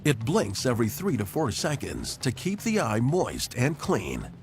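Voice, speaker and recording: A man reading scripted nature documentary narration with measured, dramatic phrasing. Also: medium pitch, huge pitch swings. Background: background music.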